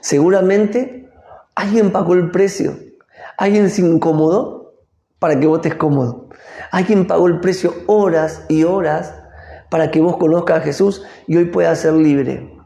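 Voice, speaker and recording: A man's voice: a little high, unhurried, gravelly, dark tone. A middle-aged man with an Argentine Rioplatense accent giving an earnest devotional sermon as pastor, repeating phrases for emphasis. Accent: Argentine Rioplatense Spanish. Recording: echoey room.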